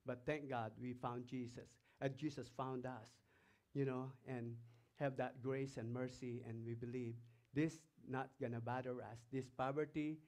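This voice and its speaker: Speaking in a mid-range, slightly mellow voice, a man with a Filipino accent delivers a sermon as pastor. He is from the Philippines and pauses his remarks to read scripture aloud, pressing the congregation with emphatic questions.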